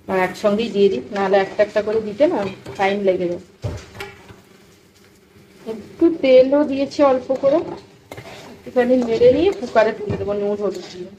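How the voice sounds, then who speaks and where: A mother in her thirties chats casually to camera in her home kitchen for a vlog, cooking and talking fondly about her family and using doting baby talk with her child. Her voice is warm and on the high side, with slight background noise.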